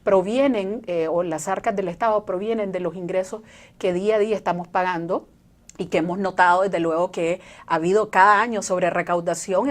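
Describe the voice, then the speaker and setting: A woman, speaking earnestly and in a measured way as a civil society guest on a TV interview, tucking in little asides. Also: fairly low pitch. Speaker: civil society organization representative.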